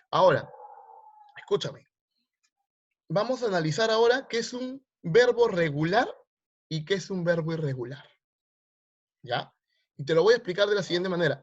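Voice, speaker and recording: A male teacher, teaching grammar online and quizzing his students with repeated questions. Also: fairly high pitch. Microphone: video call. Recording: lo-fi online class audio.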